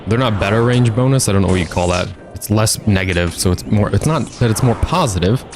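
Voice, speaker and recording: Low-voiced man, chatty gameplay banter. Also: animated, quick pace, over music. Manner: joking, rambling, chatty. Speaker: streamer. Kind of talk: casual gameplay commentary.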